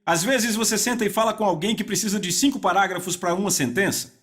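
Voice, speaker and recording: Preacher, male, high-pitched, call-and-response delivery, drawn-out emphasis. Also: a bit bright. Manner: asks the audience to repeat words and answer back; slows down for weighty phrases. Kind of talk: dubbed sermon.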